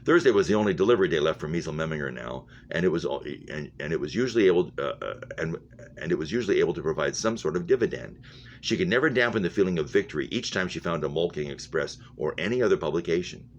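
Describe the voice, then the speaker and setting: An English teacher with a low, deep voice reads a novel aloud quickly, his intonation lively. He sometimes trips on words and rereads phrases to correct himself. Behind him, the dull lo-fi recording carries a noticeable hum.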